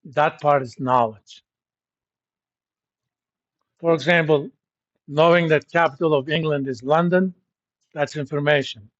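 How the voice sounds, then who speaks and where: Blunt, joking professor from Turkey. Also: male voice, on the high side, steady tone, measured pace, long pauses, no echo, highs cut off. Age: middle-aged. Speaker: university professor. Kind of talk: classroom lecture.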